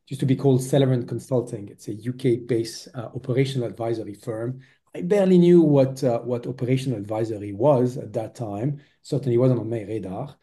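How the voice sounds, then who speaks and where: Man from Lebanon, forties, very dark mellow tone, halting speech full of fillers, interview guest. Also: mid-range voice. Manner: hesitant, many filler sounds. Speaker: podcast guest. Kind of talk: interview conversation.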